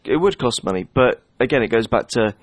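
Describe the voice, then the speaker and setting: A man talks through his explanation in a halting way, full of fillers and restarts. His pitch moves a lot. He drops jokes into the chat. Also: lively intonation, slightly rough, no echo. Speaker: podcast co-host. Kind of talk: casual panel chat.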